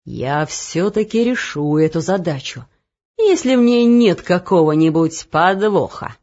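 A woman voicing a pompous, self-assured king in a storybook reading, lower and louder than her narration. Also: lively intonation, measured pace, highs cut off. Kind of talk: audiobook reading.

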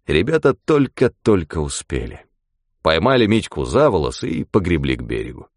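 A man reading a story aloud in a wry, animated way. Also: very deep voice, normal speed, dry recording, studio quality.

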